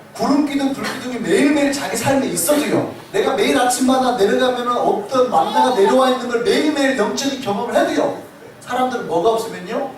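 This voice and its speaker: Male pastor preaching with animated storytelling; picked up from far off, with room noise. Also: very high voice. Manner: animated storytelling, acts out quoted voices. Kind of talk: sermon. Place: church sanctuary. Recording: echoey sanctuary, distant mic, noisy.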